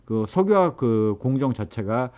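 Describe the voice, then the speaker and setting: A man delivers a lecture at a mid pitch, his explanation winding along with pauses and filler words. He often stops short and restarts a phrase as he works through a point. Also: animated, darkish tone, clean tone. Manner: explains at length with many fillers and self-corrections. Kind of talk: recorded economics lecture.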